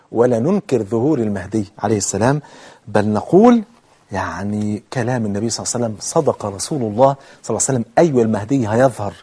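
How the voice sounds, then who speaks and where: A middle-aged man with an Egyptian accent giving a televised religious lesson, animated and emphatic, acting out opponents' objections. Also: medium pitch, husky. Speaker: religious TV preacher.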